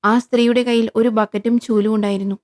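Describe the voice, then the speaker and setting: Flat, high-voiced woman storyteller. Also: fast. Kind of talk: scripted horror story narration.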